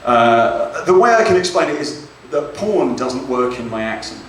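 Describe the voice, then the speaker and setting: A man's voice: medium pitch, big pitch swings, normal speed, recorded from a distance, a little hiss or hum. A British man doing a stand-up comedy set, chatty and self-deprecating, often checking in with "right?". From Britain. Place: comedy club stage. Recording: echoey club, mic heard from afar.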